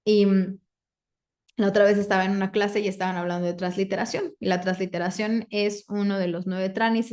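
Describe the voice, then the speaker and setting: A woman, coaching a live group, asking the audience questions and reciting clearing phrases. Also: lowish voice, a little mellow. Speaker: facilitator.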